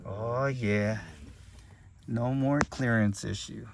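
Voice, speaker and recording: A man's voice: medium pitch, fairly even intonation, slow, creaky, very noisy. A sleepy man hosting a casual car-build vlog, joking and talking as he works on a car in his home garage. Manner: laid-back, joking, talks while working. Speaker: car channel host.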